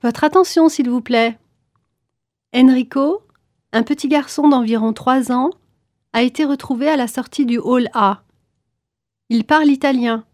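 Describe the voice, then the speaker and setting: A woman with a fairly high voice delivers formal airport announcements for passengers. Her articulation is clear, and the recording is close and fairly dry, with little room sound. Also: a little slow, long pauses, darkish tone, no room sound. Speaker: announcer in a listening exam. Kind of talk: scripted airport public announcement.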